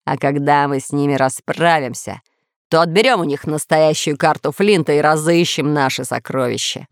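A woman voicing a menacing male villain who rules an island, gruff and blustering in a storybook reading. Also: low voice, moderate pace, no room sound, clean studio sound, pitched below the performer's own voice. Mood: scheming. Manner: gruff, blustering, shouting threats.

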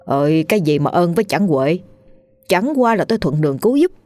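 A woman's voice: fairly low pitch, animated, brisk, dark tone, no echo, close to an everyday voice. A woman voicing a brash, hot-tempered old male exorcist who scolds and brags. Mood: boastful.

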